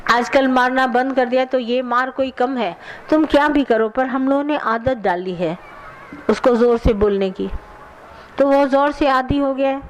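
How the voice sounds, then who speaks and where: A woman leads a satsang as its spiritual teacher, her voice sitting fairly high. She speaks earnestly and admonishes her listeners, then takes their questions and answers them directly. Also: unhurried, slight background noise, rough recording. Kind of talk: satsang sermon with audience questions.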